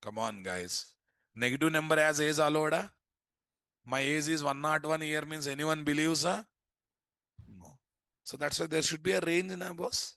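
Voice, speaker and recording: A programming instructor with an Indian accent lectures students in a rather high, steady, sharp, creaky voice at normal speed, leaving long pauses. He keeps prompting them with repeated questions, often answering them himself, and the recording is dry.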